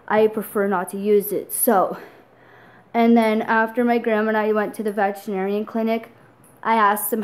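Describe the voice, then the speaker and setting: A woman's voice: mid-range voice, rough recording. A young adult woman vlogging casually, tearful and rambling, with lots of fillers as she tells a story.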